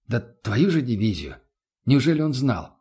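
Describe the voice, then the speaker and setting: A man narrating an audiobook in the first person with a plain, steady reading. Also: medium pitch, a little slow, husky.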